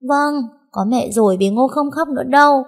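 A woman's voice: high voice, normal speed, pitched above the performer's own voice. A woman voicing a small, frightened little girl who whimpers and pleads through tears. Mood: meek.

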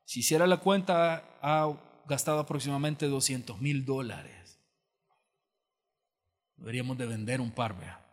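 A man's voice: medium pitch, fairly even intonation, moderate pace, pauses often. Man preaching in a church auditorium, chatty storytelling sermon, echo hanging in the hall. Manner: conversational storytelling, acting out quoted voices. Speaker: pastor.

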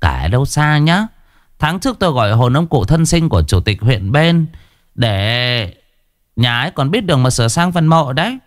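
A man voicing a boastful, sharp-tongued older female shaman who talks in a shrill, bossy way. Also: very animated, moderate pace, no room sound, studio quality, natural voice.

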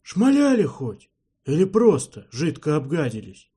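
A man's voice: fairly high pitch, huge pitch swings, measured pace, warm tone, breathy edge, voice pushed up, heavily acted. A man voicing an older male criminal boss who talks in shrewd, cocky street slang in an audiobook. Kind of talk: audiobook character voice.

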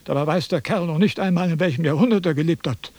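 An actor playing a vain, pompous philosopher in a 1970s radio drama, lecturing and easily indignant. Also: male voice, a little high, quick pace, a little mellow, no room sound. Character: vain, pompous old male Chinese philosopher.

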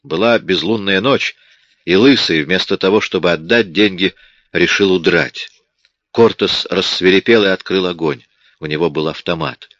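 Male audiobook narrator, deep voice, dry, dull lo-fi sound, steady crime-novel reading. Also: normal speed, no echo.

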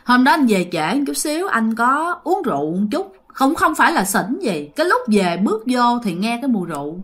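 Her voice a little high and brisk with big swings in pitch, a woman chats her way through a spoken ghost story, talking straight to those listening.

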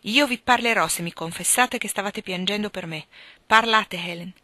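A woman voicing an ardent, insistent young gentleman courting a lady, passionate and pleading. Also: medium pitch, normal speed, no room sound, close to an everyday voice.

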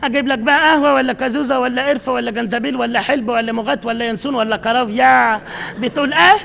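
A man's voice: very high voice, fairly even intonation, creaky, pushed and bright, heavily acted. A man playing a nosy, fussy Egyptian housewife who talks nonstop, in an old radio comedy sketch with an Egyptian accent. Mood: rattling chatter. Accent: Egyptian Arabic. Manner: rapid, rambling, scolding nonstop talk. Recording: dull archive radio recording.

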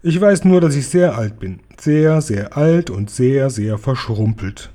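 A man reading a children's book aloud and voicing a huge, very old, kindhearted male giant who jumbles his words, louder than his narration. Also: lively intonation, measured pace, close to an everyday voice. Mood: gruff. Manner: loud and booming, jumbled made-up words.

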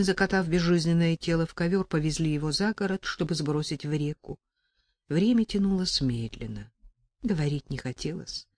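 A woman narrating a first-person audiobook in a calm, even reading voice. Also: low-pitched, no echo.

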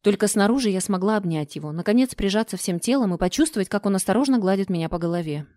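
A woman's voice: mid-range voice, animated, fast, dark tone, no room sound, clean studio sound. A woman reading a first-person story aloud, raising her voice slightly for the characters' quoted lines. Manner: narrates evenly, lifting into characters' quoted lines. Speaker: audiobook narrator.

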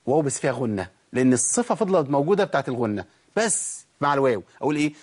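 A man's voice: medium pitch, sing-song, rapid-fire, darkish tone. A man with an Egyptian accent teaching Quran recitation rules, asking questions and answering them himself while drawing out sample sounds. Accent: Egyptian Arabic. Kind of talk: tajweed lesson.

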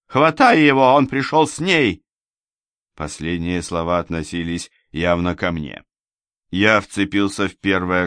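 A man reading a first-person novel aloud as an audiobook narrator, measured and dramatic. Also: low voice, a bit bright, dry recording.

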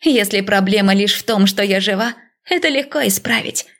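A woman's voice: medium pitch, moderate pace, fairly bright tone, lightly acted. A woman voicing a young queen who pleads urgently and with determination. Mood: resolute.

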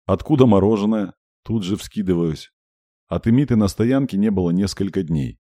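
Deep, expressive man narrating an audiobook. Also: normal speed, no room sound, clean studio sound. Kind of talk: first-person audiobook narration.

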